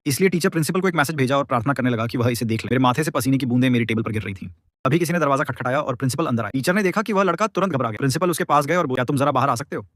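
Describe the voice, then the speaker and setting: A man narrating a dramatic story in a rapid, tense scripted style. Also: medium pitch, lively intonation, fairly bright tone, dry recording, clean studio sound.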